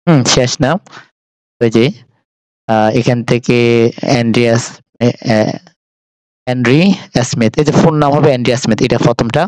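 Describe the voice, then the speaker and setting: A man with a Bangladeshi accent talks his students through a textbook English lesson, pausing often to hesitate. His voice sits at a middle pitch for a man and sounds dry and close. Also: steady tone, a little mellow, no echo, low-quality recording. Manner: explains English phrases in Bengali, with frequent hesitations. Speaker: teacher.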